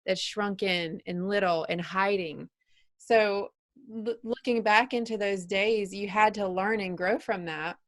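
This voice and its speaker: Her voice medium in pitch and a bit bright, a woman in her forties runs a casual podcast interview. She coaches earnestly and keeps probing her guest with questions.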